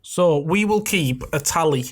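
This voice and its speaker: A man's voice: fairly high pitch, expressive, a little slow. A young man co-hosting a podcast in casual chat, playful and teasing as he makes bold calls. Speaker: podcast co-host.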